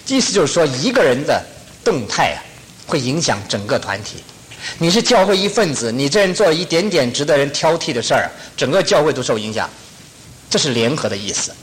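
A man's voice: fairly high pitch, fairly quick, rough recording. A man preaching a sermon, repeating phrases for emphasis and telling stories with animation. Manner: animated storyteller. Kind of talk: sermon with storytelling.

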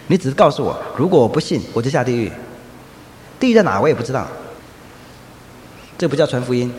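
A man preaching a sermon, telling lively anecdotes and acting out the voices of people in his stories. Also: fairly high pitch. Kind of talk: sermon with storytelling. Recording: echoey hall, faint ambient noise.

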